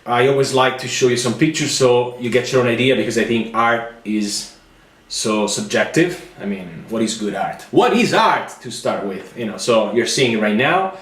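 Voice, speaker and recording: A man's voice: mid-range voice, animated, moderate pace, fairly bright tone. A man with an Italian accent hosting a playful, chatty board game review. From Italy. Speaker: host. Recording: echoey room with music behind.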